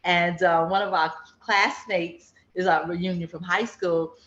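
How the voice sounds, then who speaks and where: A woman's voice: on the low side, steady tone, unhurried, fairly bright tone. A woman in her fifties chatting casually, telling stories and acting out what people said. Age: 50s. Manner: chatty storytelling, acts out quotes. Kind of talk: casual chat. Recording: dull echoey room sound.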